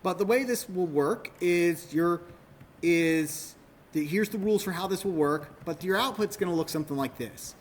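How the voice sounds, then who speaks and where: A man's voice: sits high, normal speed. A male university lecturer giving a classroom lecture, explaining step by step, correcting himself often and checking that students follow.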